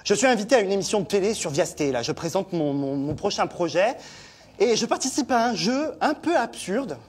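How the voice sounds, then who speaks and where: The actor's high, expressive voice carries a breathy edge as he delivers his comic solo monologue with a Corsican accent, joking at his own expense and reeling off lists with frequent pauses.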